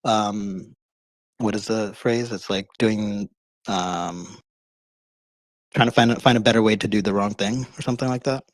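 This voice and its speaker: A man debating casually on an online voice call, halting and often rephrasing his points. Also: fairly low pitch, dry recording, poor audio. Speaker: debater on a live call-in show.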